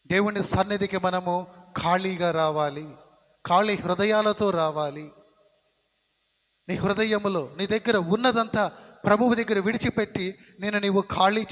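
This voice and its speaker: A man's voice: sits high, fairly bright tone. A man preaching a sermon as pastor, emphatic and repeating phrases for stress, in a church. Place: church sanctuary. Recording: long reverb of a church hall.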